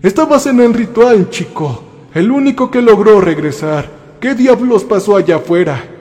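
A man's voice: sits high, expressive, moderate pace, darkish tone, in a large hall, voice pushed up. A man voicing an angry village butcher who accuses the narrator in a storytold horror tale. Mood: accusing. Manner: accusing, scornful. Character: gruff angry male butcher with shotgun.

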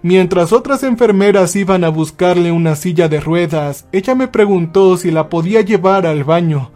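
A man narrating a scripted horror story, slowing down for dramatic pauses. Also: high-pitched, darkish tone. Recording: faint music behind. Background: faint music.

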